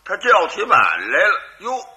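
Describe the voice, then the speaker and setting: A man's voice: high-pitched, huge pitch swings, a little slow, pushed and bright. A man performing a crosstalk comedy routine as lead storyteller, switching between his narration and character voices.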